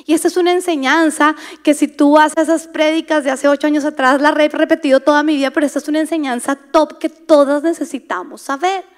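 A woman delivering a sermon in a high, bright-toned voice. She is dramatic, sinks into whispers to stress a point, and acts out the voices she describes. She asks the women listening to repeat key words back to her. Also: steady tone, fast talker, few pauses. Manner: dramatic, drops to whispers for emphasis. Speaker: preacher.

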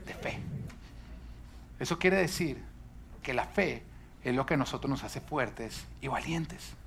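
A male pastor delivers a sermon in a voice of middling pitch. He speaks emphatically and poses rhetorical questions to the congregation. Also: lively intonation, unhurried, vocal fry, a bit bright, slight background noise.

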